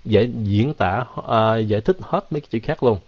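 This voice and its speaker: A man teaching English in a casual live Q&A, mixing Vietnamese and English and drawing words out slowly. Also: on the low side, animated, dry recording. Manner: drawn-out, slow pronunciation of English words. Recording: dull, lo-fi, dry.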